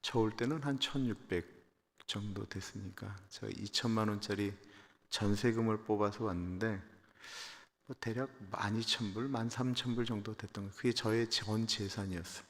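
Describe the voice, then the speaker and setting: Korean-born pastor preaching in a reverberant church hall. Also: male voice, fairly low pitch, steady tone, moderate pace. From South Korea. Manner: storytelling that builds from a quiet confessional tone to loud emphatic proclamation. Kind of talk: personal testimony sermon at a dawn service. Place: church sanctuary.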